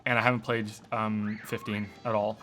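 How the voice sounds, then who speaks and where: Soft music plays behind this fairly bright, low-leaning male voice, which moves at a moderate pace with little change in pitch. The speaker is a man in his thirties, born in Wales but sounding mostly Canadian with hints of Welsh. It's relaxed stream chat: he wanders from topic to topic, stumbles into restarts, and fields viewer questions mid-game.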